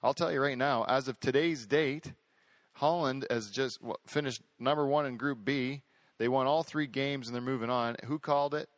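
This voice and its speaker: Chatting loosely on his podcast, a man with a mid-range voice boasts and grows excited, repeating himself as he goes. He talks at an ordinary speed, and the sound is close and dry with no echo at all.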